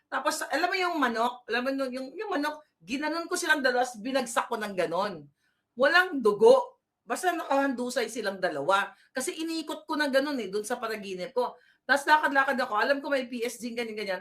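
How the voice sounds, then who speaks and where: A woman political vlogger tells a long story in a casual, rambling style, full of fillers and restarts, laughing at her own tale. Her voice is a little high with a fairly bright tone.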